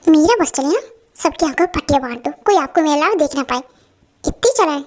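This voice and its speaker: A woman's voice: high voice, lively intonation, brisk, a little hiss or hum. A woman dubbing a jealous, pouty young female assistant in a Hindi fan drama. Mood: pleading. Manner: pouty, complaining.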